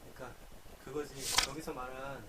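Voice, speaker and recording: Dude helping out on a game stream, casual explaining, normal male pitch, noisy clicky mic. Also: flat delivery, normal speed. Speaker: co-commentator guiding the player with hints. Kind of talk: casual chat during gameplay. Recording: clearly noisy home recording with clicks.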